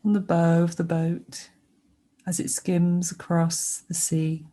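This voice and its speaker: This meditation guide, a woman with a fairly low voice, leads listeners toward sleep in a flat, soothing delivery. She speaks softly and slowly, leaving pauses between brief phrases.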